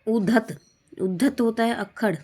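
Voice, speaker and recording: A woman teaching Hindi spelling for an exam, slowly drilling each word as wrong or correct, over and over. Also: a little high, dark tone. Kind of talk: exam-prep spelling lesson.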